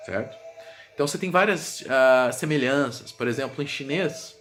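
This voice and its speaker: Brief: man, casual language vlogger, mid pitch, chatty, faint background music. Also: normal speed. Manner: chatty, repeats example words aloud, many fillers like "né?". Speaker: language teacher and video creator. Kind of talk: casual explanatory vlog. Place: home room with a gaming setup. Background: music playing softly in the background.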